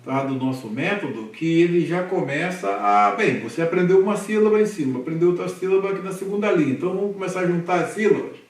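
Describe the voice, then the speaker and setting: A man's voice: high-pitched, quick pace, gravelly, few pauses, far from the mic. A man with a Brazilian Portuguese accent teaching a Hebrew class, patiently drilling letters and syllables aloud and checking in with his students. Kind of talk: classroom lesson. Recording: echoey room, voice from the mic.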